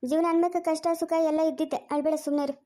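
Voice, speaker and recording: A woman's voice: sits high, fairly even intonation, racing, close to an everyday voice. Woman voicing a consoling village aunt. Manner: consoling, scolding gently. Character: soothing older village woman, the child's aunt. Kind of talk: cartoon voice acting.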